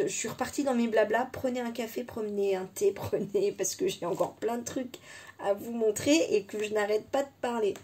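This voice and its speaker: A woman's voice: mid-range voice, darkish tone. A woman in her thirties from France, chatting casually and rambling with lots of fillers and restarts in a haul vlog from her desk at home. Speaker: scrapbooking YouTuber.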